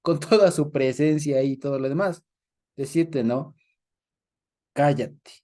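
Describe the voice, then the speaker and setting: A man's voice: a little high, a little slow, warm tone. A man with an Ecuadorian accent leading a Bible study discussion, laughing often and acting out the voices he quotes. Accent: Ecuadorian Spanish.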